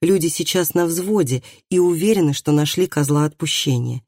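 A kind male village doctor speaks in a calm, gentle way, as an audiobook reader puts him on. The tone is dark and mellow. The sound is dry and close. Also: medium pitch, normal speed, no echo, natural voice. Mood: calm, reassuring. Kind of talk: audiobook dialogue reading.

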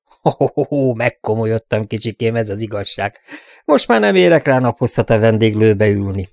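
A man voicing a cheerful young gentleman with a lively, teasing manner in an audiobook. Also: on the low side, creaky, no room sound, studio quality.

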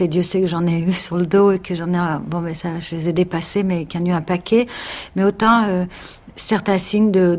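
A woman's voice: fairly low pitch, a little mellow. An actress talking about her childhood reading in an interview, reflective and hesitant, often searching for words.

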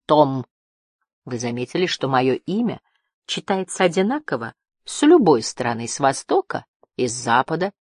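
Woman reading a sly male merchant, mock-friendly, husky low voice, dry sound. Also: sing-song, normal speed, darkish tone, no echo, full character voice.

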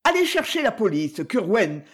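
Un homme qui lit un livre audio et donne un ton péremptoire à une dame de maison stricte. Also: male voice, high-pitched, huge pitch swings, measured pace, slightly rough, exaggerated voice. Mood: stern. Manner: peremptory. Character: prim, commanding household lady, firm.

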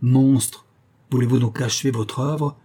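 A man's voice: medium pitch, fairly even intonation, moderate pace, warm tone, breathy edge, natural voice. A man reading an audiobook, voicing a stern village blacksmith who speaks with indignation and threat. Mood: outraged.

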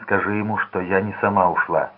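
A man's voice: low voice, steady tone, fairly quick. Frightened young heiress, read by a man. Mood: desperate. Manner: pleading, fearful. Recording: tinny phone-like lo-fi sound.

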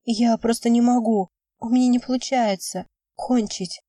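A woman's voice: a little high, steady tone, normal speed, warm tone, no echo, recorded from a distance, voice pushed up, close to an everyday voice. A woman voicing a young woman who is upset and pleading with her lover, speaking emotionally. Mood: bitter. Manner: emotional, cries out then pleads.

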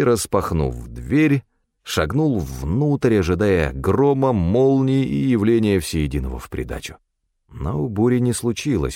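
Low male voice, lively intonation, wry audiobook narration, dry close sound. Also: dry recording. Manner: wry, expressive storytelling. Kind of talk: scripted first-person audiobook narration.

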